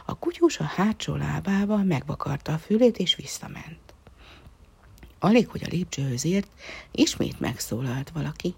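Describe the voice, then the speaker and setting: Low, husky woman reading a storybook. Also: very animated. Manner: soft, often half-whispered. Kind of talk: reading a children's story aloud.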